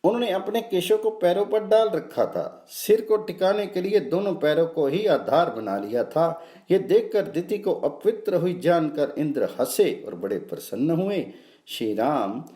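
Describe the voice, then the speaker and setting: Male scripture narrator, solemn and measured, fairly high, lively swings, mellow tone, echoey room. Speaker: scripture reader.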